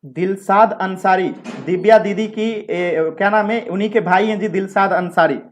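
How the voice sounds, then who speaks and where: A man's voice: high-pitched, fairly even intonation, normal speed, soft background music. Chatty man teaching a live class. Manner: chatty, repeats points, asks rhetorical questions to the class; banters with students between explanations. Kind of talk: live exam-prep lecture.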